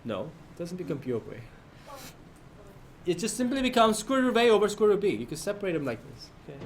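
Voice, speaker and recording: A man's voice: high voice, sing-song, quick pace, a little hiss or hum. A man teaching a math lesson to his class, often prompting students with questions and checking that they follow.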